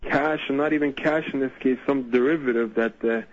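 Hesitant caller on a muffled phone line. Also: male voice, mid-range voice, steady tone, fairly quick. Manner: hesitant, full of restarts and fillers. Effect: heard over the phone. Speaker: radio call-in caller. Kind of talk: casual call-in chat.

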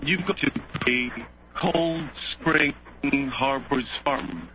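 Guy calling into a radio show on a clipped phone line, bright edgy voice, lots of uhs and restarts. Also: mid-range voice. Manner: halting, many fillers and restarts. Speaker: caller. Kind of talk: call-in radio talk. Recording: muffled phone line with faint noise.

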